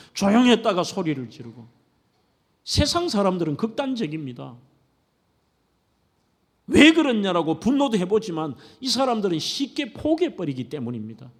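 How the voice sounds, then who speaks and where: A middle-aged man, a pastor preaching a sermon in a church, speaking earnestly and putting questions to his congregation. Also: sits high. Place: church sanctuary. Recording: long church-hall reverb.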